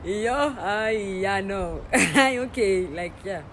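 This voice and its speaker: A woman's voice: mid-range voice, expressive, takes it slowly, a bit bright, a little hiss or hum. A young woman from South Africa chatting casually through her vlog, giggly and teasing herself. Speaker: vlogger.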